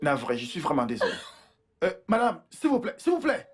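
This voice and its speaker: An apologetic, calming doctor. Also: male voice, on the high side, a little fast, breathy edge, soft background music, heavily acted. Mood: consoling. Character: apologetic male hospital doctor. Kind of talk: dubbed film dialogue.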